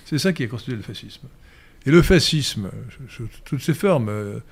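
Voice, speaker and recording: A man's voice: mid-range voice, expressive, moderate pace. A man giving long political explanations in a discussion, lecturing with frequent hesitations and emphatic stresses. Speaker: guest commentator.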